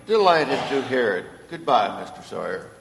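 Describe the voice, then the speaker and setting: A man acts as a kindly old Santa figure in a classic radio play. His pitch swings freely as he talks, genial and gently probing, and the sound rings around an echoey hall. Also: very animated, moderate pace, gravelly. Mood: politely dry. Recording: echoey hall stage recording.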